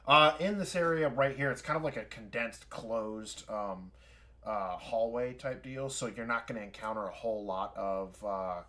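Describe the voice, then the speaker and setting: A man with a lowish, fairly bright voice acts as game master for a tabletop game, streaming from home. His narration of scenes rambles, heavy with fillers and restarts.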